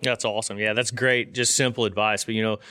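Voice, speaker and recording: A man's voice: lowish voice, level tone, quick pace, bright, forceful tone. A man from Indiana hosting a casual interview, talking informally in wordy, circling phrases. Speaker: podcast host, interviewer.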